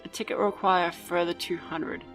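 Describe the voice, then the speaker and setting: A woman's voice: on the low side, fairly even intonation, fairly quick, a bit bright, faint music behind. A woman hosting a let's play, reading game text aloud with dry, amused side comments.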